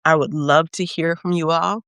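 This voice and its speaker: A woman's voice: sits low, fairly even intonation, normal speed, a bit bright, clear, resonant tone, no room sound, clean studio sound. A woman who is an author and program leader, speaking in an earnest, reflective way as she gives a heartfelt spiritual talk.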